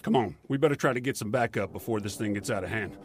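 A man playing a world-weary, middle-aged motel keeper who fights demons, gruff, folksy and terse, in a horror-comedy audio drama. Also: lowish voice, fast talker, lightly acted. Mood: weary, grim. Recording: clear background ambience noise.

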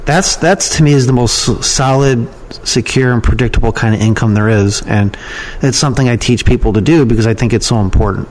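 A male podcast guest, an email marketer and copywriting trainer, talks in a casual, plain-spoken way, often repeating words for emphasis. His pitch is ordinary middle range and his pace brisk. The recording is rough, with slight background noise.

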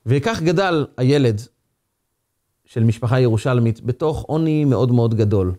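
A man, a rabbi, giving a sermon as a dramatic, expressive story. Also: medium pitch.

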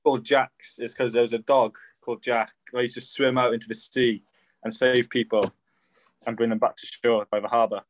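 A young man speaks with a Swansea accent from south Wales. His voice sits at an average pitch. He talks casually, as a podcast guest would, in a dry sound with no room on it. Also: little pitch movement, normal speed, no room sound. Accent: Swansea Welsh. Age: young adult.

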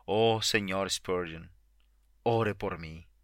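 A man's voice: low-pitched, very slow, fairly bright tone, no room sound, exaggerated voice. Give me an earnest, pleading fifty-year-old woman close to tears, read by a man. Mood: tearful.

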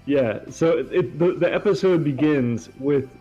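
A man's voice: on the high side, unhurried, warm tone. A man co-hosting a casual podcast, laid-back and a little teasing. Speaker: podcast co-host. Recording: dull lo-fi, faint music behind.

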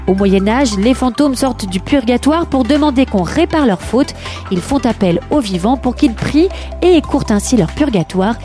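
A woman's voice: a little high, lively intonation, moderate pace, mellow, soft background music. A woman presenter delivering scripted explanatory narration.

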